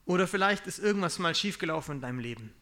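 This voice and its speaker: A young man preaching in a relaxed, conversational way, confessing his own failings and acting out what people say. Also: high-pitched, rapid-fire. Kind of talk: casual sermon.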